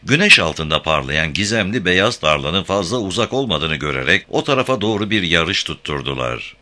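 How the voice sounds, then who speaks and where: A man narrating a novel as an audiobook in a measured storytelling delivery. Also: low voice, sharp tone. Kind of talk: scripted narration.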